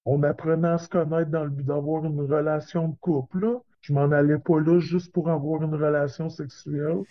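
A woman's voice: low voice, flat delivery, moderate pace, muffled recording. A woman with a Québécois accent speaking through a voice changer that hides her identity, talking in a direct, indignant way in a recorded news interview clip. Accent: Québécois French. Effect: voice altered by a voice changer for anonymity. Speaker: crime victim giving testimony.

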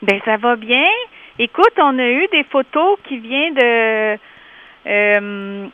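A woman with a Québécois French accent calling in to a radio show for a community group, talking in a lively way with many hesitations. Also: a little high, slow. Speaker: community organization representative. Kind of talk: casual radio interview by phone. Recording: tinny phone line.

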